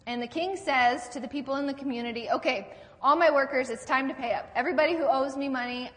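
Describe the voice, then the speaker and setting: Woman pastor giving a chatty sermon, a bit high voice, lots of long church echo. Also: a bit bright. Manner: conversational storytelling with rhetorical questions.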